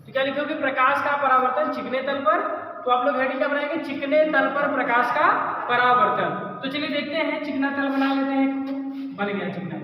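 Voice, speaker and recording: A man's voice: very high voice, fairly quick, slight background noise. A male physics teacher giving a classroom lecture, asking the class questions and answering them himself. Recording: echoey distant lo-fi classroom recording.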